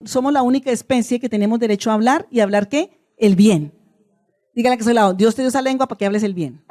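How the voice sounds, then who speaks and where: Woman pastor, animated sermon. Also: fairly high pitch, fast. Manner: animated, acts out the people in her stories.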